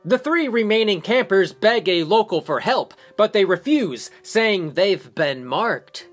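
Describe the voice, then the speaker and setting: A man's voice: sits high, animated, a little slow, faint music behind. A man recapping a horror movie as a reviewer, with sarcastic joking asides. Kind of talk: comedic film recap narration.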